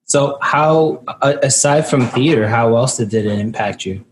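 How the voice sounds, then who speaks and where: A man's voice: medium pitch, measured pace. A man with a mid-range voice hosts a podcast interview in a casual way. His questions wander, with plenty of fillers, over a faint hum of background noise. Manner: rambling questions with many fillers. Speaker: podcast host.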